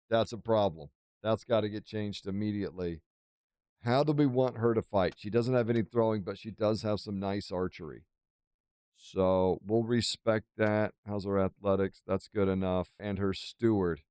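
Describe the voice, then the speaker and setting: Low-voiced man, playfully boastful game commentary. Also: warm tone. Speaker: gaming video host. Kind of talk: casual video game playthrough commentary.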